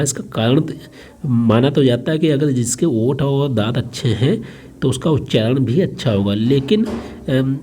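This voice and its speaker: Husky-voiced man teaching a lesson. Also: medium pitch, mellow. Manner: explains by repeating each point, with restarts. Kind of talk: online exam-prep lesson.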